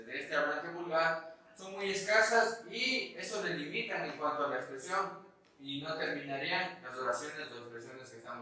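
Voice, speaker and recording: A teacher from the Ecuadorian highlands, speaking with that region's Spanish accent, lectures step by step and keeps asking "¿sí?" to confirm students follow. His voice sounds pushed and bright, and the recording is distant with a lot of room echo.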